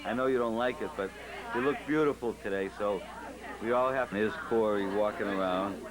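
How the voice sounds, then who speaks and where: A man's voice: lowish voice, normal speed, a crowd in the background. Man narrating a noisy party home video. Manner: coaxing, directing people to pose. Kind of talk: casual running commentary to guests. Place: busy restaurant party, behind the camera. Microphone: camcorder microphone.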